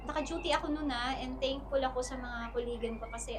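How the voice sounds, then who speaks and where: A woman's voice: high-pitched, fairly quick, background noise. A woman from the Philippines, a podcast guest, telling a personal story in casual chat and acting out other people's words. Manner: animated, acts out other people's words in quotes.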